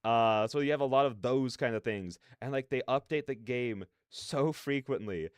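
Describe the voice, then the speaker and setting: In clean studio sound with no echo, a reaction livestream host chats casually with viewers in a clean-toned, mid-range voice at normal speed. His opinions come out animated, slangy, and rambling.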